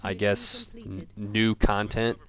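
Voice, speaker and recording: A man in a profane off-the-cuff gamer rant, sounding drunk, rambling haltingly and repeating himself. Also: fairly low pitch, flat delivery, a bit bright, dry recording. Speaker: gamer ranting about video games.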